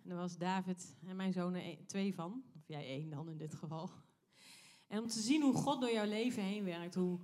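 A woman's voice: mid-range voice, a little mellow. A middle-aged woman speaking to a younger church member after his testimony, talking to him directly in a chatty way. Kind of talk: warm personal encouragement.

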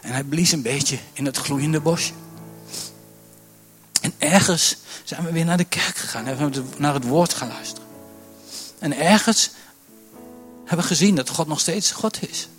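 A man preaching a sermon from a church stage, impassioned and building to near shouting, often repeating words as he starts a sentence. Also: fairly high pitch, unhurried, long pauses, soft background music. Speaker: pastor.

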